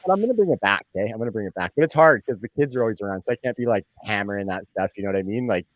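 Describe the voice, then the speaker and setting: A man's voice: on the low side, animated, very fast, no room sound. A man in his thirties co-hosting a casual podcast, telling stories and laughing often as he talks. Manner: laughs often, tells stories with quoted asides. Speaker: podcast co-host. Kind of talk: casual chat.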